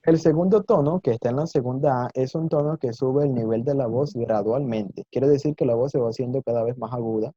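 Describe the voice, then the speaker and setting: A man's voice: medium pitch, fairly quick, hardly any pauses, mellow, breathy edge, no room sound, lo-fi sound. A man teaching an online Mandarin lesson in Spanish, patiently explaining and demonstrating tones with exaggerated intonation and encouraging his students.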